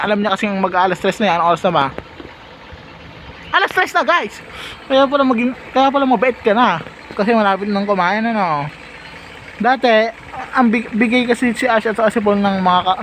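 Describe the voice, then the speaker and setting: A man's voice: high voice, a bit bright, slight background noise, rough recording. A young man vlogging casually at home, talking playfully and fondly to his cats with sudden squealing bursts. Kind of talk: casual vlog talk to camera.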